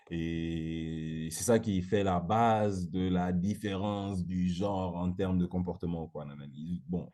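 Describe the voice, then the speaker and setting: A man's voice: low voice, dark tone. A man hosting a casual debate chat, talking hesitantly in slang, often restarting his words. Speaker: host.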